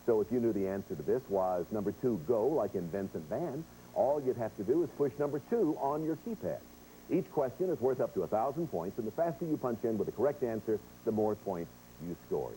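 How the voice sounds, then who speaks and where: A man's voice: medium pitch, warm tone, a little hiss or hum, poor audio. A man hosting a game show, chatting directly to players and viewers as he explains rules and reads quiz questions. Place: television studio.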